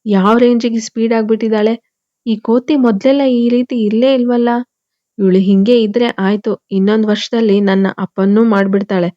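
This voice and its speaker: A woman's voice: on the high side, fairly even intonation, normal speed, dry recording, highs cut off, close to an everyday voice. A woman voicing a flustered young groom muttering to himself in a storybook reading. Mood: amused.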